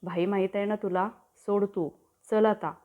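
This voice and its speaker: A woman voicing a lively, cheerful young bride-to-be in a narrated story, over a tinny, phone-like sound. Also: mid-range voice, normal speed, lightly acted.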